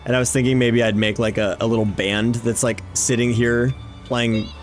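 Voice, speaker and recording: Game music plays behind a male video game vlogger as he hosts with enthusiastic, informal, casual commentary. He speaks at a moderate pace in a mid-range voice with flat delivery.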